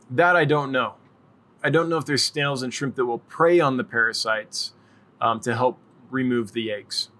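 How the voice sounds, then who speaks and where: A man's voice: medium pitch, fairly bright tone. A middle-aged man hosting a casual live-stream Q&A, chatty and friendly, rambling as he answers viewers' questions. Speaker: livestream host.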